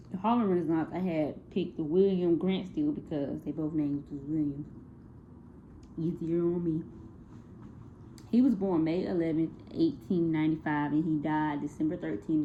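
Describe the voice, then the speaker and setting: A woman's voice: low-pitched, normal speed. A young woman giving a casual spoken class presentation on a music project, hesitant, with many fillers and self-corrections. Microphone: phone. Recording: tinny phone-like recording with faint noise.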